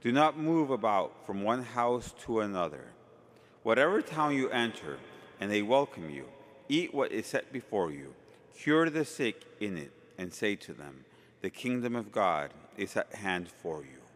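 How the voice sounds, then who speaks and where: A man's voice: fairly low pitch, sing-song, a little slow. A man speaking solemnly as a priest at Mass, his voice carrying in a cathedral echo in a large church. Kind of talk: gospel reading and homily at Mass. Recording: long cathedral-like reverberant echo.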